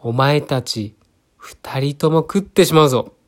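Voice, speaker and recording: Man playing a bullying cat, storybook villain, gruff and threatening. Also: on the high side, measured pace, natural voice.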